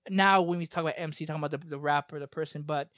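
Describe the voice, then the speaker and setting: A man's voice: on the high side, fairly even intonation, rapid-fire, a bit bright, no room sound, clean studio sound. A man in casual chat, explaining at length with many restarts and fillers.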